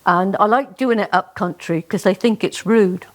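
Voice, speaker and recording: A woman's voice: mid-range voice, normal speed. A woman with a Cornish West Country accent, introducing a dialect song to a live gathering as a folk performer.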